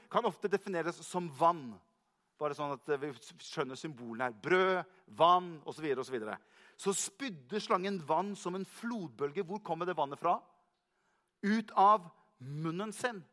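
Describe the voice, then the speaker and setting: A man with a high voice preaches a sermon with emphasis. He asks his own questions and answers them at once. When he reads scripture aloud, he stretches the words out slowly. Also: a bit bright.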